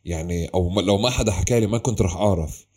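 A man's voice: deep voice, rapid-fire, darkish tone, husky. A man with a Palestinian Arabic accent interviewing casually, rambling and restarting his questions mid-thought.

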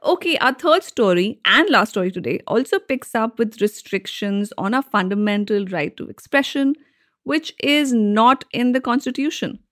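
Indian accent woman podcast host, kinda high voice, dry close sound, explains stuff conversationally w wry asides. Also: lively intonation, normal speed, a bit bright, dry recording. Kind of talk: scripted explanatory narration.

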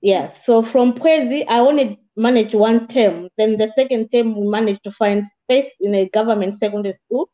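A woman from Malawi, a guest in an interview, telling her life story in a measured, plain way with small restarts. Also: on the high side. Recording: slightly dull, muffled audio.

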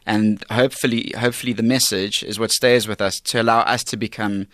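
A man's voice: lowish voice, steady tone, a little fast, fairly bright tone, no echo. A South African man talking as a theatre director in an interview, earnest and emphatic, repeating phrases as he builds his thoughts. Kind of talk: conversational radio interview.

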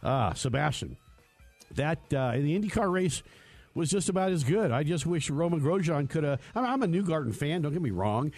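Faint music plays behind a man presenting a motorsport radio show, where he chats and tells rambling, self-deprecating stories from the studio. His fairly high, slightly mellow voice has lively intonation and a moderate pace.

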